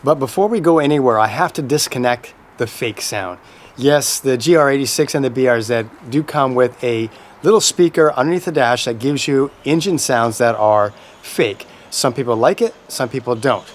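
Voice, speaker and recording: A man's voice: medium pitch, normal speed. A man hosting a casual car review vlog, chatting enthusiastically to the camera as he works on his car and drives it. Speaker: car channel host. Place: in and around a car, outdoors and driving. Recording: distant camera mic with loud engine and road noise. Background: engine and road noise.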